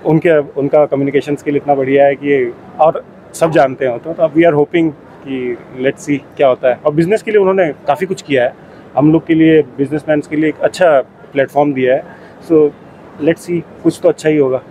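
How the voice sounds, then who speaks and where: A man from Jaipur, an exhibitor at a garments fair, answering interview questions in a mix of Hindi and English with many pauses. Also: a little high, fairly even intonation, mellow, a little hiss or hum, low-quality recording. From Jaipur, India. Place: busy trade fair hall.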